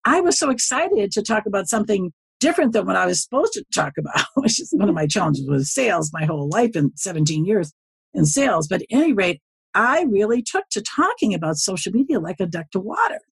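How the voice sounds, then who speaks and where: Husky-voiced woman in her seventies. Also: mid-range voice, big pitch swings, a little fast, no room sound. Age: 70s. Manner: rambling, folksy, often circles back with asides. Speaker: podcast guest, social media consultant. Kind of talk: casual storytelling interview.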